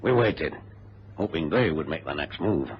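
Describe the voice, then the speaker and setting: In an old radio drama, a man plays a cautious, conscientious adventurer gravely narrating his exploit through dramatic narration and dialogue. His voice rumbles low and is animated, at a moderate pace. The vintage recording sounds muffled, with faint noise.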